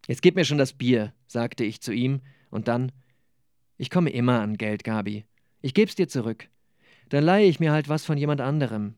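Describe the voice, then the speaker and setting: German author reading aloud, dry sound. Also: male voice, mid-range voice, no echo. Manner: lively, heated dialogue voices in the reading; thoughtful, hesitant with fillers in the interview. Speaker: author reading his novel. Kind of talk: literary reading, then interview answers.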